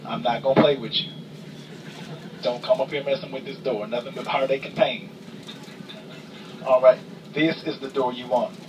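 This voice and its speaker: A man working as a flight attendant gives a comedic cabin announcement with playful, mock-stern deadpan sass and emphatic repetition. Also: mid-range voice, normal speed, pauses often. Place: aircraft cabin. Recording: distant, noisy aircraft cabin capture.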